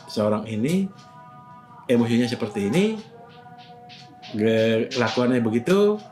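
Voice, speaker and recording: A man's voice: mid-range voice, lively intonation, measured pace, darkish tone, soft background music. A man casually explaining acting methods, often breaking into short acted example lines. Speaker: acting teacher.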